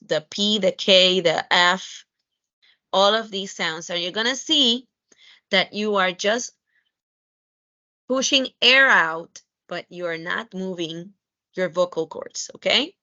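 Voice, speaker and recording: A woman teaches English pronunciation, moving between English and Spanish. Her voice is bright and crisp, and she checks in with "okay?" and "right?" as she explains. The recording sounds dull and lo-fi, with a dry, close sound. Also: medium pitch, dry recording. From Puerto Rico. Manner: switches between English and Spanish, slow deliberate English, brisk Spanish explanations. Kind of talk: bilingual pronunciation lesson.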